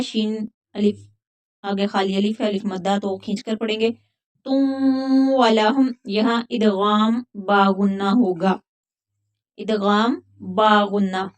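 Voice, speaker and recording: Patient woman teaching Quran recitation. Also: mid-range voice. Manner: patient, explains each rule then recites drawn out. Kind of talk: slow tajweed lesson, explaining then chanting verses.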